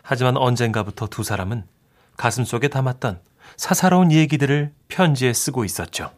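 A man's voice: mid-range voice, expressive, fairly quick. A man reading scripted storytelling narration as the narrator of a radio drama.

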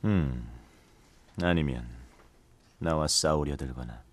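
A man playing a gloomy, aloof demon lord in an audio drama, with a languid, brooding dark-lord delivery. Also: very deep voice, slow, exaggerated voice.

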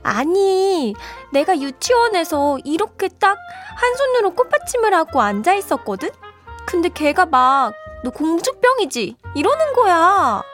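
A woman's voice: very high voice, big pitch swings, measured pace, fairly bright tone, faint music behind, voice pushed up, heavily acted. A woman voicing a cheeky little kindergarten girl with a bratty, sing-song teasing manner during a radio story reading. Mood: indignant.

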